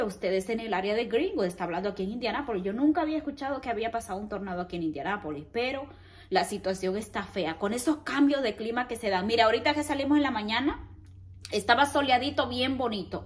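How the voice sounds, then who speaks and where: A woman's voice: mid-range voice, roomy sound. A woman, chatting casually to her viewers in a vlog and calling them her loves. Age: 30s. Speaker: vlogger.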